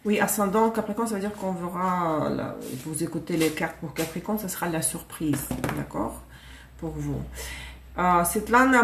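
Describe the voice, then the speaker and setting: A tarot reader whose first language is Russian reads cards on a live stream in a lowish voice, chatting, laughing, and correcting herself along the way. The echoey room adds a little hiss or hum to the recording.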